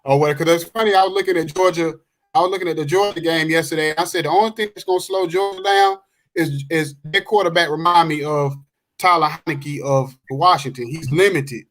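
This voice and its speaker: A man's voice: on the high side, a little fast, fairly bright tone, poor audio. A man co-hosting a sports podcast in casual chat, laid-back and repeating himself. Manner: laid-back, repeats phrases, laughs often. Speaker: podcast co-host.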